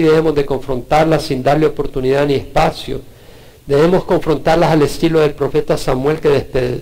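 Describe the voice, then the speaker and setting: A man's voice: mid-range voice, creaky, a little mellow, rough recording. A man preaching a sermon, teaching earnestly and reading verses aloud with emphasis.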